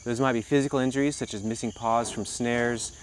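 A man in his thirties giving unscripted, halting and reflective explanations as a wildlife guide. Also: medium pitch, steady tone, a little hiss or hum. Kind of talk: unscripted talk to camera. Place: outdoors at an animal sanctuary.

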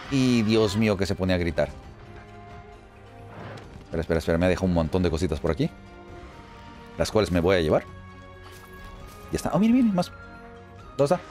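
A man narrates his gameplay with eager energy, firing off repeated phrases in rapid bursts. His voice sits at an ordinary middle pitch. Faint game music plays underneath. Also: darkish tone. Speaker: gameplay commentator. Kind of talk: let's play commentary.

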